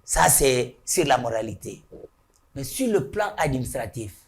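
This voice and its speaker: A studio guest from Kasai, DR Congo, makes emphatic rhetorical points on a political talk show, repeating himself and asking "hein?". His mid-range voice swings widely in pitch, and he speaks at a measured pace.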